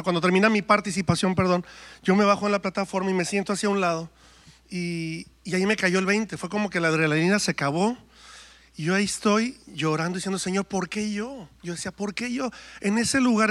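A man's voice: high-pitched, a bit bright. A man, a worship singer telling his story and preaching in church, acting out quoted dialogue. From Mexico. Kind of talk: testimony and sermon.

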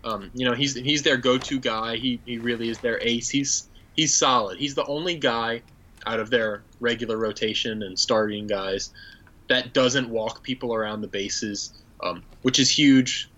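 A man's voice: medium pitch, normal speed, bright, forceful tone. A man co-hosting a sports podcast, breaking down the matchup in an easygoing way with fillers. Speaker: podcast co-host. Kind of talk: casual sports podcast chat.

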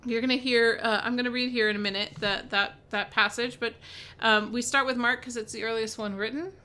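A woman with a bright, fairly high voice hosts a casual devotional podcast. She talks loosely, looping back with fillers and restarts and checking in with a quick "right?" She sounds like she is thinking out loud with a friend. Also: fairly even intonation. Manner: chatty, many fillers and restarts, asks "right?". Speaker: podcast host and Bible teacher.

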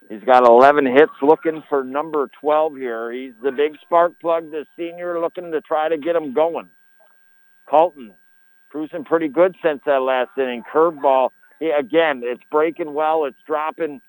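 A man calling a live high school baseball game on radio, with a folksy, colourful turn of phrase. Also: no room sound, poor audio. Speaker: baseball play-by-play announcer. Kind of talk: live radio sports commentary. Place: broadcast booth at ball game.

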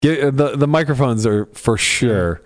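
A man's voice: mid-range voice, lively intonation, normal speed. A man talking casually on a podcast, ranting with sarcasm about poker. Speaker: podcast regular, poker pro. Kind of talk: casual chat.

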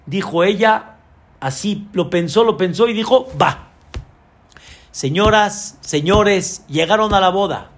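A man's voice: high-pitched, unhurried. A man, a rabbi telling a dramatic story in a sermon and voicing the women in it.

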